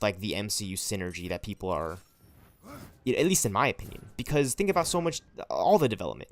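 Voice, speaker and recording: A man's voice: mid-range voice, fairly bright tone. A man in his twenties streaming a game and rambling passionately to his chat, tagging lines with "right?" and "you know what I'm saying?". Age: 20s. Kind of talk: livestream chat with viewers.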